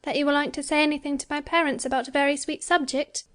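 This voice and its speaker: A woman's voice: moderate pace, natural voice. A woman voicing an earnest, motherly young girl in a storybook, in a raised eager voice. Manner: eager, high and breathless.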